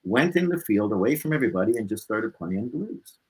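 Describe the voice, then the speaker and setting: A blues musician, interviewed as a guest, casually tells personal stories in an animated way, acting out snippets of dialogue and tagging phrases with "right?". His voice sits on the low side, moves a little fast, and sounds slightly rough, captured on a low-quality recording.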